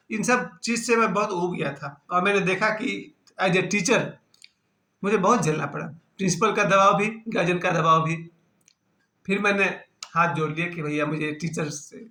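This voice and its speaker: A man's voice: sits high, sharp tone, roomy sound. A man in his fifties giving an earnest, self-mocking personal talk on his vlog. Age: 50s. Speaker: vlogger.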